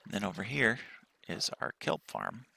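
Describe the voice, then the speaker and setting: A man giving a relaxed tour of his game world with a just-woken-up morning voice, pausing often and speaking softly. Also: lowish voice, creaky. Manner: relaxed walkthrough with frequent pauses and fillers. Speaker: game player.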